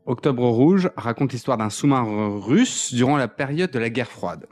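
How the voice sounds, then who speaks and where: A man in a mid-range voice walks through a film plot in a rambling, loose way, restarting his sentences. He drops deadpan jokes along the way. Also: mid-range voice, moderate pace. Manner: joking, deadpan asides, rambling explanations. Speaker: podcast co-host. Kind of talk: casual film chat, partly read from notes.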